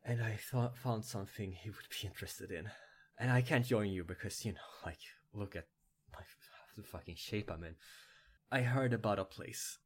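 A man voicing a wounded, weary young researcher who talks quietly and haltingly. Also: on the low side, slight background noise, natural voice.

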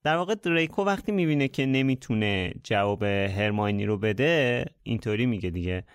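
Brief: male podcast host, relaxed explainer, mid pitch, dry room. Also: clear, resonant tone, no room sound. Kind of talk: book discussion.

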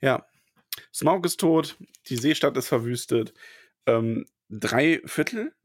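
A man's voice: medium pitch, expressive, slow pace, slightly rough, dry recording, studio quality. A man in casual podcast chat, hesitant, with many fillers and restarts. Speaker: podcast co-host discussing a book.

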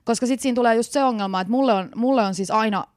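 A woman's voice: a little high, dry recording, clean studio sound. A young adult woman co-hosting a podcast in casual chat, blunt and outspoken, swearing freely. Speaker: podcast co-host.

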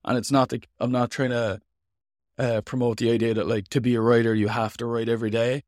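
A man's voice: medium pitch, little pitch movement, fairly quick, darkish tone, no room sound, clean studio sound. A man with an Irish accent giving an interview as a writer, talking in an informal, rambling, reflective and self-deprecating way. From Ireland. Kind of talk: casual, reflective interview talk.

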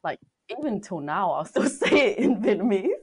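A young woman in her twenties in casual chat, chatty and quick to laugh. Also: mid-range voice, sing-song, crowd noise. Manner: chatty, laughs often, fillers like "like".

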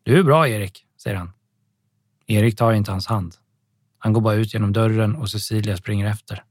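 A man narrating a story calmly and evenly, with soft music behind him. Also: lowish voice, no room sound, clean studio sound. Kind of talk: scripted audiobook narration.

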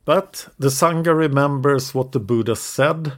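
A podcast co-host retells history from notes for a casual history podcast, stumbling a bit over English words. His voice is medium-pitched and his pace measured.

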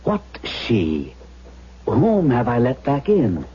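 An actor playing a practical, brooding man in a haunted-house radio drama, halting as he finds words. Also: mid-range voice, huge pitch swings, dark tone, slight background noise. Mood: firm, uneasy. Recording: dull old radio broadcast.

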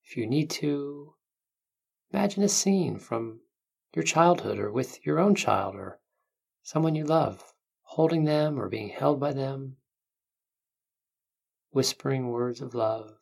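A meditation guide speaking gently and unhurriedly, with long pauses between soothing instructions. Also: mid-range voice, animated, gravelly, husky. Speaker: meditation guide, podcast host.

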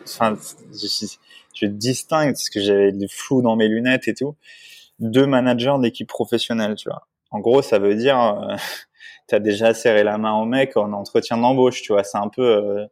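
Un homme à la voix plutôt grave raconte son histoire avec franchise, comme invité d'un entretien décontracté. Il hésite, se reprend souvent et interpelle son interlocuteur avec des « tu vois ». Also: male voice, fairly low pitch, fairly even intonation, normal speed, darkish tone. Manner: rambling, many restarts and fillers, frequent "tu vois"; emotional, candid recounting. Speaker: interview guest. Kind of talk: casual storytelling in conversation.

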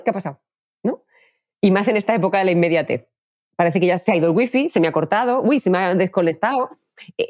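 Brief: lower-voiced woman, communication coach, quick explanatory delivery, dry close sound. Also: darkish tone, dry recording. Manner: fast-talking, explanatory. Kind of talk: interview answers.

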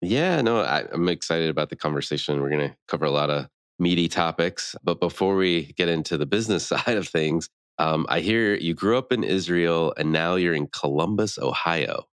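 Very deep-voiced male podcast host. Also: normal speed, fairly bright tone, smooth, no echo, clean studio sound. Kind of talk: podcast ad reads and interview.

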